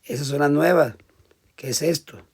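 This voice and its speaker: A man giving a classroom lecture, explaining step by step and often checking in with the class, his volume swinging between loud emphasis and quiet asides. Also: fairly high pitch, moderate pace, vocal fry, slightly rough. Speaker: teacher.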